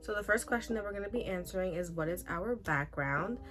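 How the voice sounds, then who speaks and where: A woman's voice: medium pitch, lively intonation, fairly quick, fairly bright tone, faint music behind. A woman, talking casually as a podcast host introducing herself. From Queens, New York. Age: early 20s.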